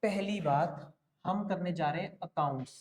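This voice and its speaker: A man's voice: sits high, unhurried, darkish tone. Coaxing male accounting teacher, roomy echo. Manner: coaxing, keeps checking in with students. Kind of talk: classroom lecture.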